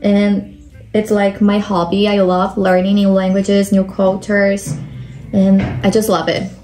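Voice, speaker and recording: This makeup vlogger, a young woman from Brazil, explains her routine one step at a time in a Brazilian Portuguese accent, often saying "like." Her voice sits at medium pitch and is warm, though her delivery is completely flat and a little slow.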